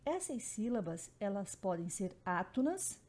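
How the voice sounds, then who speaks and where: Mellow-voiced woman teaching. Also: medium pitch, very animated, a little slow. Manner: explanatory, repeats terms, frequent "né" and "então". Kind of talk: recorded Portuguese phonetics lesson.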